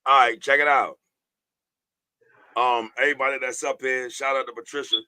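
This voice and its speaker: A man's voice: medium pitch, steady tone, moderate pace, sharp tone, clean tone, no echo, clean studio sound. A man hosting a music rating show in a casual, slangy livestream chat style. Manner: slangy, informal.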